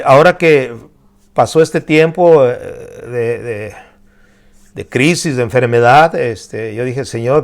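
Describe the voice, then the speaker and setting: A man's voice: medium pitch, vocal fry. A middle-aged male pastor preaching a sermon in a conversational way, often checking in with his listeners. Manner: conversational preaching with frequent "¿verdad?" and "o sea".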